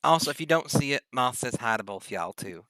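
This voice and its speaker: A man's voice: medium pitch, lively intonation, brisk, sharp tone, dry recording, low-quality recording. A man chatting casually on a game stream in a late-night Southern US drawl. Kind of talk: casual gaming stream chat.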